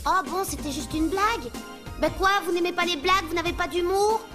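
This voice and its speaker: A very high, cheeky young heroine. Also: female voice, a little fast. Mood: teasing. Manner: teasing and chatty. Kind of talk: anime French dub. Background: music.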